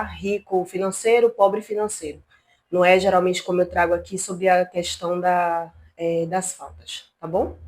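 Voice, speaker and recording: Woman from Brazil, vlog host, indignant and animated, mid-pitched voice, recorded at home. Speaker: channel host. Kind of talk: casual commentary vlog. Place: at home, not a studio.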